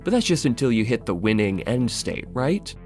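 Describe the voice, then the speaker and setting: Over soft background music, a man narrates a scripted video essay at normal speed as though chatting with the viewer. His mid-pitched voice has lively, wide-ranging intonation, sardonic emphasis and casual asides.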